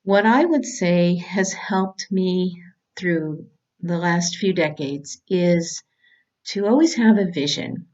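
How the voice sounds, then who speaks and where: Measured woman, low voice. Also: expressive, darkish tone, muffled recording. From California. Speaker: cancer doctor giving a talk. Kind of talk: prepared motivational talk.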